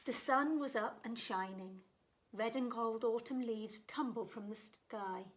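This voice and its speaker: A woman reading a children's picture book aloud with animated expression. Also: on the high side, a little slow. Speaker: storyteller.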